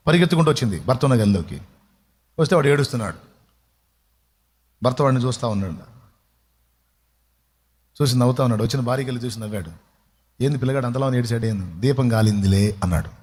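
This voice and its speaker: A man preaching a sermon, telling a story and acting out its dialogue in shifting voices while asking his listeners questions. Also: mid-range voice.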